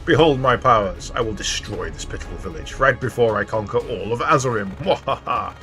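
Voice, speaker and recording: Man acting a slow, menacing sea dark lord. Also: mid-range voice, expressive. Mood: menacing, boastful. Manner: slow theatrical villain menace. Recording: music behind the voice.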